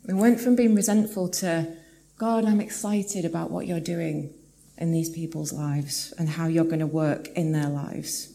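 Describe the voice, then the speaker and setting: A woman preaching a sermon in a church, earnest and reflective, slowing down to read scripture aloud. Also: sits low, steady tone, dark tone, slight background noise. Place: church hall with live audience.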